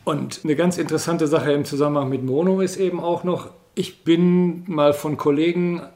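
A man from Dortmund, Germany, a sound engineer, explains his work in a casual interview, speaking colloquially and acting out quoted dialogue. His voice is fairly high, steady, mellow, and moderately paced.

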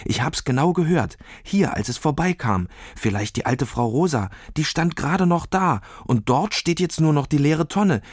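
A man's voice: fairly high pitch, lively intonation, normal speed, few pauses, dry recording, studio quality, pitched above the performer's own voice. A man reading a children's story aloud, voicing an eager, brave young girl who talks in an urgent, insistent way.

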